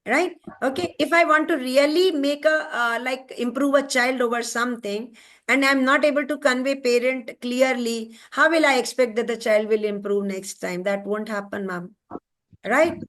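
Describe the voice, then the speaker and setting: A woman's voice: high-pitched, steady tone, moderate pace, fairly bright tone. A woman with an Indian English accent leading an online teacher-training class, stressing words and often checking in with her listeners. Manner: emphatic, keeps checking in with "right?".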